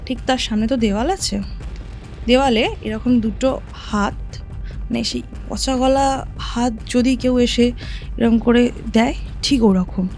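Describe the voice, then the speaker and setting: A woman telling a listener her own ghost story in a casual podcast chat, vivid and animated, often asking "right?". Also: on the high side, vocal fry. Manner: recounts events vividly, often checking in with "right?".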